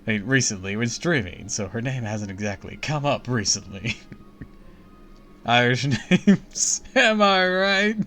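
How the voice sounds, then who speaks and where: Bright-voiced joking male game streamer. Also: mid-range voice, animated, unhurried. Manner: joking, self-mocking. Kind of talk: casual chat while reading a story game aloud.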